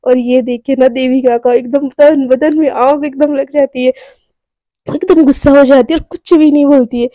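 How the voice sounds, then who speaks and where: High-voiced woman telling a romance story. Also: steady tone, normal speed, dark tone, dry recording. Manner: conversational, chatty, uses filler words. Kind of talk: casual serialized story narration.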